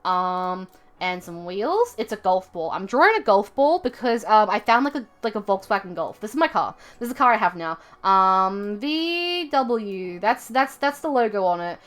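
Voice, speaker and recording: A woman's voice: mid-range voice, sing-song, normal speed, fairly bright tone, soft background music. A young woman telling a rambling story to her stream as she draws, full of fillers and side remarks. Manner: rambling, with many fillers and asides. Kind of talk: casual storytelling while drawing on stream.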